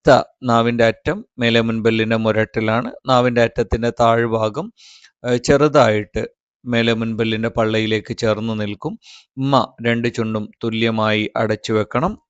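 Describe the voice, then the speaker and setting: A man's voice: lowish voice, smooth, muffled recording. A man with a Malayali accent teaching Quran recitation, carefully explaining how each letter is formed. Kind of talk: step-by-step pronunciation lesson.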